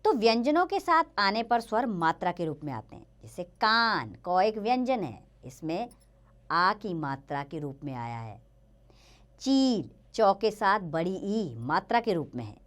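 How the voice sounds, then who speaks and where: A woman's voice: mid-range voice, big pitch swings, a little slow. A woman teaching a grammar lesson to children, explaining patiently and stretching out the example words.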